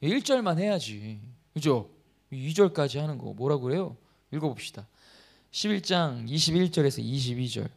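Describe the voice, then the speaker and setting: A man's voice: medium pitch, animated, normal speed, creaky. A man preaching a sermon as pastor, who reads scripture aloud, asks the congregation questions, and jokes between points. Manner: keeps asking the congregation rhetorical questions. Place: church service.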